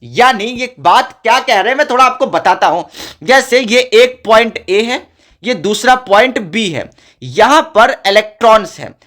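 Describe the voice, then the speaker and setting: A man's voice: very high-pitched, a bit bright. Chatty male teacher explaining physics casually. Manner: chatty, addresses students as friends.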